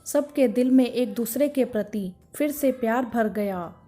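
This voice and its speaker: A woman narrating a scripted moral story in a measured, earnest way. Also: a little high, warm tone.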